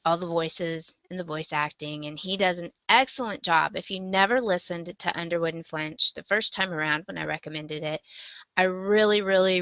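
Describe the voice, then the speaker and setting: On this podcast, a woman from the United States serves as co-host, offering recommendations in a casual, wry, emphatic chat. Her voice is on the low side, and the audio is dull but free of echo.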